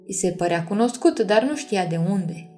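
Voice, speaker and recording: A woman narrating an audiobook chapter in a measured, expressive reading. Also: mid-range voice, soft background music.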